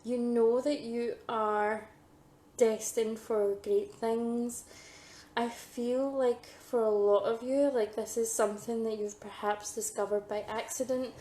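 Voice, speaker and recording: A woman who is a psychic medium giving a pick-a-card tarot reading, hesitant with many ums, losing her voice and clearing her throat. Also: on the high side, steady tone, slow pace, dark tone, echoey room, a little hiss or hum.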